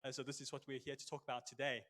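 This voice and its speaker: A man's voice: medium pitch, little pitch movement, racing, fairly bright tone. A man moderating a hybrid seminar from a studio, speaking politely and formally with frequent hesitant fillers. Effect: big hall echo. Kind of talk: formal event hosting. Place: studio hall. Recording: long hall reverb.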